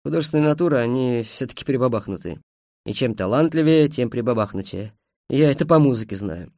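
A man's voice: mid-range voice, expressive, brisk, warm tone, no echo. A man narrating a novel in a dry, ironic tone. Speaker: audiobook narrator.

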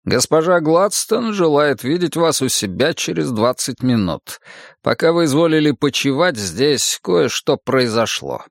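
Man voicing a brisk wry manservant, dry politeness, higher voice, audiobook. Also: sing-song, gravelly, no room sound, heavily acted. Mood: prodding.

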